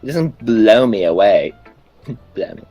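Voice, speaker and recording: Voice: medium pitch, animated, measured pace, a little mellow, husky, faint music behind. A player reading aloud the lines of a prickly teenage girl from a visual novel, blunt and teasing. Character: prickly teen girl club member.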